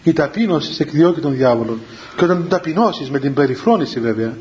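A man with a notably high voice speaks as a monk, giving a loose spiritual talk that drifts into anecdotes. He repeats his phrases and calls his listeners children. The recording is dull and lo-fi, with a faint hiss underneath. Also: expressive, darkish tone.

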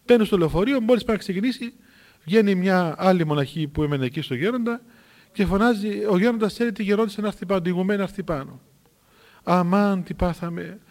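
A man's voice: high-pitched, a little mellow, big-room sound. A man animatedly telling a miracle story in a sermon, acting out the dialogue as he goes.

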